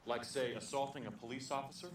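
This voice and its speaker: An actor playing a tough, cocky, stubborn biker hero in a TV action drama. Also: male voice, mid-range voice, fairly even intonation, fast talker, a little hiss or hum, close to an everyday voice. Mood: cocky, challenging.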